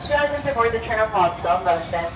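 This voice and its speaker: A woman's voice: a little high, expressive, rapid-fire, noisy background. A woman giving firm safety instructions to waiting passengers as a public transit announcement. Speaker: tram attendant making safety announcements. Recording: distant, echoing announcement.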